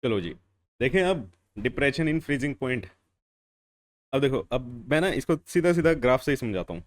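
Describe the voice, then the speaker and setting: A man's voice: mid-range voice, animated, a little slow. A young adult man teaching chemistry in a classroom lecture. He asks questions and answers them himself, repeating key phrases and calling the students "beta". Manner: calls students "beta" and "bhaiya".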